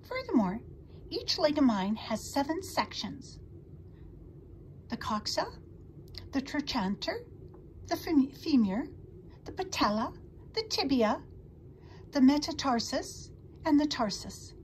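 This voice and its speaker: A woman voicing a wise, patient female spider in a storybook reading, calm and measured. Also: high-pitched, slight background noise, pitched above the performer's own voice, full character voice. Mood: explaining.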